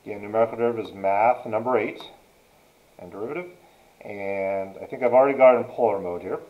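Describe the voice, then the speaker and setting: Speaking fast in a fairly low voice, a male teacher narrates a math lesson, working through a problem and dictating it piece by piece. The mic is distant, and the sound is dull and roomy.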